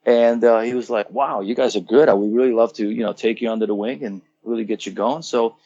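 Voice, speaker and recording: A Croatian rock singer in his fifties talks fairly quickly in a lowish voice, and the recording has its highs cut off. Telling stories of his youth in a casual interview, he swears freely and animatedly acts out quotes from people.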